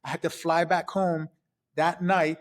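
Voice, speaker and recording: A man in his fifties from Trinidad, a podcast guest telling his past in a casual, lively way, step by step. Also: fairly high pitch, unhurried. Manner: lively, recounts events step by step. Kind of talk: casual storytelling.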